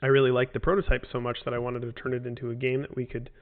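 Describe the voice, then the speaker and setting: A man in his forties talks in a medium-pitched, monotone voice at a racing speed, answering fan questions on a casual livestream. He rambles and hesitates, full of fillers and restarts, and the audio sounds tinny, like a phone.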